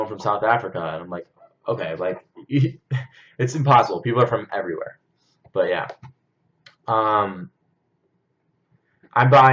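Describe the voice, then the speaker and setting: A young man chats loosely through viewer comments on a livestream, his speech peppered with "like" and "um". His voice sits on the lower side. The stream audio is a little dull and lo-fi. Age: young adult. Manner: chatty, filler-heavy, many "like"s and "um"s. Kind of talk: casual livestream chat.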